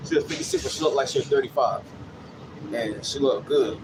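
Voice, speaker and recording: This vlogger, in his late thirties, talks briskly in a mid-range voice with huge swings in pitch as he rambles casually on a city bus. He tells anecdotes, repeats himself, and keeps asking "you know what I'm saying," while bus and air noise remain clearly audible.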